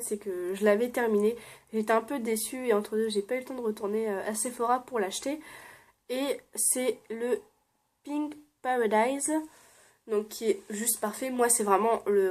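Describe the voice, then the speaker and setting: A young woman chatting casually as she shows things to her viewers, with many fillers and frequent laughs. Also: fairly high pitch. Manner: chatty, many "euh" fillers, laughs often, drops to soft murmurs. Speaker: beauty vlogger. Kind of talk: casual show-and-tell vlog.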